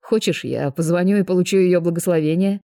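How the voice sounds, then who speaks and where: A woman's voice: fairly low pitch, brisk, warm tone, no echo, clean studio sound, lightly acted. A woman voicing a cocky, teasing young male television presenter in an audiobook. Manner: smug, mocking.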